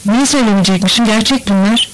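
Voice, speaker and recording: A man's voice: sits high, quick pace, background noise, pitched above the performer's own voice, natural voice. A man voicing a bitter, defiant young widow in an audiobook, speaking in a cutting tone. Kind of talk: audiobook character voice.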